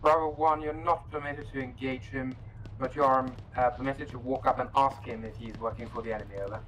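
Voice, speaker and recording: A man's voice: medium pitch, steady tone, a little fast. A man using formal military radio procedure in a simulation game, recorded over voice chat. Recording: game voice chat with faint noise.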